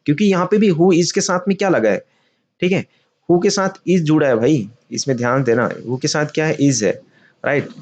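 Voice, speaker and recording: A man's voice: fairly high pitch, a little mellow, a little hiss or hum. A man teaching English vocabulary in Hindi. He often asks a question and answers it himself, repeats key words, and calls his viewers friends.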